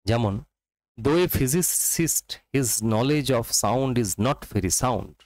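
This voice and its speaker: A man with a Bengali accent teaching English literature for exams, reading quotations slowly and explaining quickly in Bengali mixed with English. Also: mid-range voice, lively intonation, a little mellow, dry recording, low-quality recording. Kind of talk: exam-prep literature lesson.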